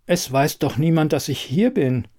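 A man voicing a weak older patient in an audiobook, speaking faintly and haltingly. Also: on the high side, lively intonation, darkish tone, voice pushed up. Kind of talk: audiobook reading.

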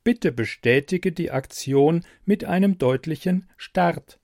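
A man's voice: on the high side, slow, darkish tone, no echo, studio quality, pitched above the performer's own voice. A man voicing a polite, mechanical beauty computer that speaks in formal, stiff phrases in an audiobook reading. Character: bumbling female-addressing beauty computer, polite, robotic.

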